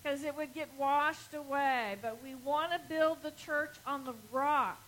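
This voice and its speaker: Bright, high-voiced woman addressing children. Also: fairly even intonation, a little hiss or hum, low-quality recording. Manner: kids' show host way of talking, slow simple questions to children. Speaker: church leader giving a children's sermon. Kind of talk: children's sermon, asking simple questions. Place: large church sanctuary, before a congregation.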